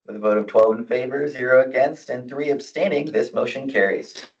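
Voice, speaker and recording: A man chairing a student meeting who reads a resolution aloud as fast as he can, in a rushed manner. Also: mid-range voice. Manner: rushed, deliberately fast reading. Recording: distant, dull meeting room audio.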